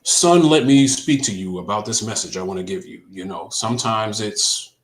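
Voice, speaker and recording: A man speaks low and haltingly, filling his pauses with ums as he recounts a dream on a casual faith talk show. His voice carries a noticeable room echo. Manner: halting, many ums and restarts. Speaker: co-host.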